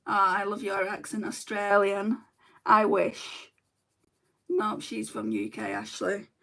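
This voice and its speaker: Her voice is mid-range, gravelly, bright and forceful, with completely flat, slow delivery on a rough recording. She's a middle-aged woman from northern England casually chatting through a makeup livestream, reading comments and muttering as she works. Chatty and self-deprecating, she mentions being in back pain.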